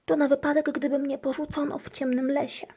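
A woman's voice: sits high, level tone, brisk, dark tone, pitched above the performer's own voice, lightly acted. A woman voicing a small, timid, grumbling pet hamster in a children's storybook. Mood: fearful. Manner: fearful, grumbling.

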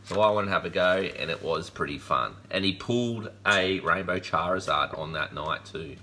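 Upbeat man, bright forceful voice. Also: on the low side, a little hiss or hum. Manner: upbeat, rambling, laid-back slang. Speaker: collectibles channel host. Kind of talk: casual unboxing chat. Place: indoor room lined with collectible shelves.

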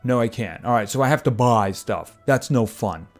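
A man's voice: medium pitch, expressive, moderate pace. A man streaming a farming game, chatting casually and making wry asides. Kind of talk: casual gameplay commentary. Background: game music.

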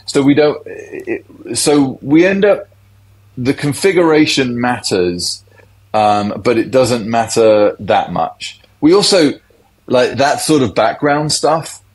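A man's voice: mid-range voice, animated, takes it slowly, low-quality recording. A middle-aged man, a tech industry guest, explaining things in a loose, conversational interview.

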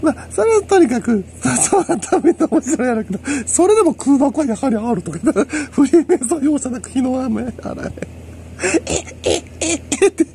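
A man's voice: very high voice, very animated, a little fast, dark tone, slight background noise. A man with a Kansai accent, rambling through a solo monologue in a lecturing way and chuckling to himself. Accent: Kansai Japanese. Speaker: solo commentator.

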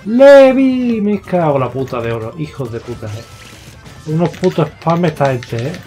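A young man with a Spain Spanish accent giving excitable, foul-mouthed live gameplay commentary, yelling at his opponents. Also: medium pitch, normal speed. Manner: excitable, swears a lot, yells at opponents. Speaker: gaming YouTuber. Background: faint game music.

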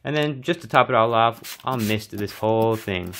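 A young man casually narrating as he feeds his exotic pets, relaxed and chatty with lots of fillers. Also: on the low side, normal speed. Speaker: pet keeper and channel host.

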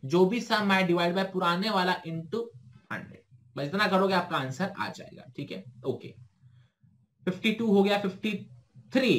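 Brisk high-voiced Indian teacher. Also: male voice, fairly bright tone. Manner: brisk explaining, slow careful reading of English questions; asks himself questions and answers them. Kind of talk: exam-prep lesson talk.

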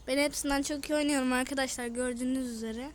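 A woman's voice: high-pitched, fairly even intonation, quick pace, background noise. A young woman giving casual gameplay commentary, often exasperated and complaining to her viewers. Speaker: gaming channel host. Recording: loud game music behind the voice.

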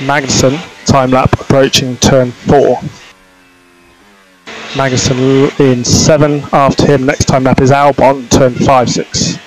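A man's voice: medium pitch, level tone, measured pace, soft background music. A man working as a race engineer, giving terse, procedural race spotter callouts on traffic over team radio. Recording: noisy car-to-pit radio transmission.

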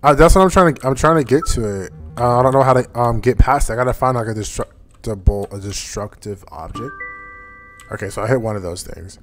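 A man's voice: medium pitch, brisk, faint music behind. Rambling man chatting through a live game. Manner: chatty, rambling, talks to viewers while playing. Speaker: streamer host. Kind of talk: casual live gameplay chat.

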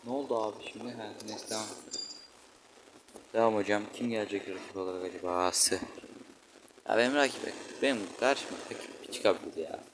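A man's voice: fairly low pitch, brisk, long pauses, noisy background. A man giving casual, slangy commentary on a football video game, grumbling and exclaiming at every play. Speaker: gaming channel host. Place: room indoors, playing a football video game. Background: children shouting outside.

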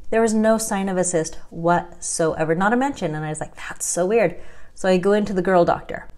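In a lowish, slightly mellow voice that runs a little fast, a woman in her thirties tells a webcam about her health journey from a small room at home. The casual vlog is chatty and wry, and she laughs often as her story unfolds.

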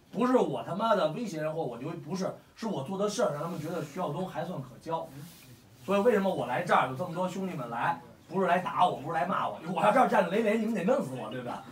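A man in his forties with a Beijing accent, talking bluntly and heatedly to a crowd of fans, swearing often. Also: fairly high pitch. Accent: Beijing Mandarin. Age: 40s. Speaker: fight fan meetup host. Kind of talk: casual talk to a crowd. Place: room with a gathering of fans. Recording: echoey room, mic at a distance.

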